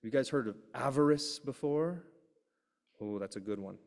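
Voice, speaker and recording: A man giving a sermon, speaking earnestly and slowing down to stress key phrases. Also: medium pitch, creaky, a little mellow. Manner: earnest, emphatic preaching with slow stressed phrases. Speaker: preacher. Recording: long hall reverb.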